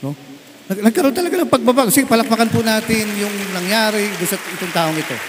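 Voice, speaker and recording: Man, pastor, Filipino accent, animated sermon storytelling, high voice, echoing hall. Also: fast talker, crowd noise. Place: large church hall at a camp service. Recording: echoey hall, faint ambient noise.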